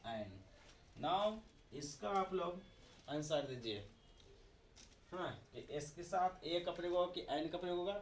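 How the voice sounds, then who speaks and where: A man's voice: fairly high pitch, slight background noise. A man with an Indian accent teaching English grammar, asking questions and repeating the answers himself. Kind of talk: classroom-style video lesson in Hindi.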